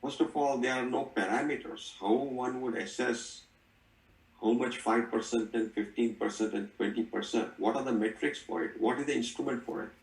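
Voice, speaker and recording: A man's voice: medium pitch, normal speed, creaky. Insistent man in an echoey room. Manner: insistent, pressing, repeats himself. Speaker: questioner in discussion. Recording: echoey room, distant mic.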